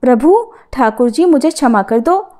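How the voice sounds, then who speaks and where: A woman's voice: high-pitched, lively intonation, unhurried, dark tone. A woman voicing Trilochan ji, a humble male devotee, pleading tearfully in a devotional story. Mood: remorseful. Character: Trilochan ji, weeping humble old devotee man.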